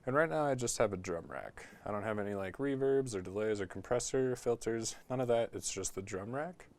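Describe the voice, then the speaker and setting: Laid-back, low-voiced man demoing studio gear. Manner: relaxed, filler-heavy explaining with frequent "like" and "um". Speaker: music production instructor. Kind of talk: casual tutorial walkthrough. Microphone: talkback mic in a studio.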